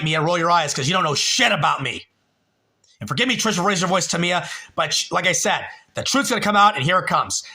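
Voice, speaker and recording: Profane, bright-voiced man telling stories. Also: high voice. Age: 30s. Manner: profane, talks to chat viewers by name. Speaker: livestream host. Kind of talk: casual rambling storytelling.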